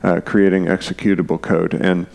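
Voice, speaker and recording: Low, gravelly man explaining code. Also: level tone, normal speed, a little mellow. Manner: hesitant, many fillers and restarts. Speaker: guest programmer and conference speaker. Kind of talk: unscripted technical explanation.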